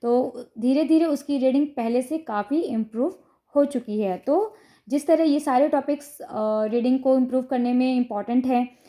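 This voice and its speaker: ऊँची, मधुर आवाज़ वाली महिला शिक्षिका. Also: female voice, high-pitched, moderate pace, dark tone. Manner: patient, step-by-step explaining with frequent "ठीक है" checks. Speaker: teacher explaining phonics to parents. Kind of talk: explanatory lesson to camera.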